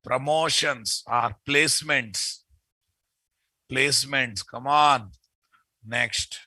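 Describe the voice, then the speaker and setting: A man's voice: mid-range voice, extremely slow, pushed and bright, husky, dry recording. A man with a Telugu Indian accent, teaching a live programming class emphatically, repeating key phrases and checking that students follow. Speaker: programming instructor. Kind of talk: live online class lecture.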